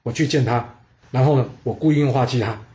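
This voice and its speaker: A man's voice: mid-range voice, brisk, dark tone, highs cut off, natural voice. A man voicing a clever young noble wife in a storytelling recording, coaxing and persuasive. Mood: scheming.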